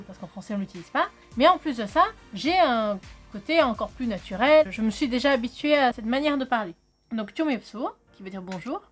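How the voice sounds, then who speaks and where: Brief: bright high-pitched woman from France, casual vlog teacher, chatty, jokey, swears a bit. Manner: chatty, swears, jokes with friend. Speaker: video host teaching Khmer.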